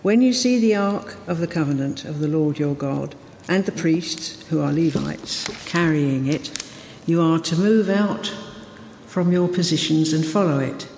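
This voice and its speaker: A woman reading a Bible passage aloud to a congregation, steady with small slips. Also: low voice, a little hiss or hum. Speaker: scripture reader. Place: church. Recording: long church reverb.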